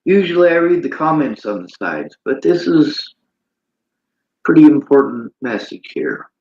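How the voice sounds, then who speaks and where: A man's voice: fairly high pitch, very animated, unhurried, a little mellow. Male streamer, preachy monologue, reads chat aloud; dull roomy audio. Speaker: livestreamer. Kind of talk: livestream monologue.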